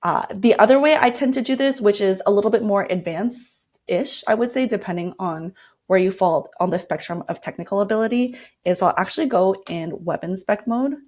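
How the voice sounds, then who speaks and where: A guest designer, a woman with a medium-pitched, brisk and slightly mellow voice, demonstrates her workflow in a casual screen-share walkthrough. She's informal and thinks aloud, explaining each step as she goes.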